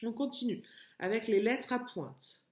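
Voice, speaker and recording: Speaking in an unhurried, somewhat high voice in a reverberant room, a French-accented woman runs a recorded remote lesson for little children. She is their kindergarten teacher, patiently repeating words and separating them into syllables.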